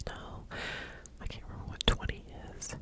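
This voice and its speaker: An ASMR host speaking in a soft whisper, halting and unhurried, as if sharing things casually with viewers.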